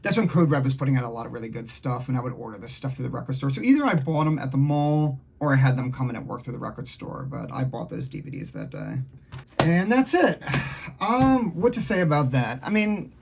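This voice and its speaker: A man's voice: mid-range voice, expressive, a little fast, gravelly, a little mellow, a little hiss or hum. A middle-aged man with a mid-range voice talks casually through his old memories. He reads from a journal and adds wry, conversational asides as he goes. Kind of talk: casual reminiscing, reading journal entries aloud with asides.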